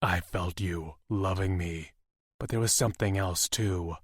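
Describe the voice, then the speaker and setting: A man voicing a big, protective male werewolf who speaks softly in a low, husky voice. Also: unhurried, dry recording, clean studio sound. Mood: tender, gruff.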